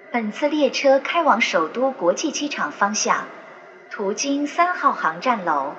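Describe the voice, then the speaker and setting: A woman making a formal, scripted subway announcement to passengers as a train announcer. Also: on the high side. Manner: formal passenger-information delivery. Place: inside an airport express train. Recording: dull noisy train public address. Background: train ambience and clear noise.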